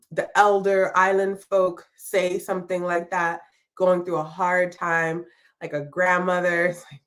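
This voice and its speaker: A woman hosting a live-streamed podcast from indoors at home. She welcomes viewers warmly and talks in a reflective, encouraging way, with frequent ums. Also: on the low side. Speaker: podcast host.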